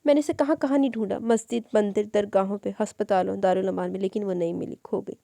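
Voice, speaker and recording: A woman's voice: mid-range voice, steady tone, quick pace, creaky, warm tone, no room sound, studio quality, natural voice. A woman voicing a guilt-ridden, grieving older man in an audiobook, speaking in a sorrowful, pleading way.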